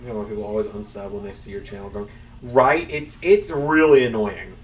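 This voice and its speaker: Captured from a distance with slight background noise, a young streamer's lowish voice runs a little fast. He's playing a wrestling game and chatting loosely with viewers, rambling, making fun of himself, and cursing.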